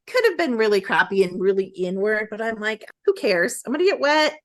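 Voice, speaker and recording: A woman's voice: mid-range voice, big pitch swings, fairly quick. Effusive, rambling middle-aged woman. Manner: effusive, gushing, rambling storyteller. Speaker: podcast guest. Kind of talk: casual conversation.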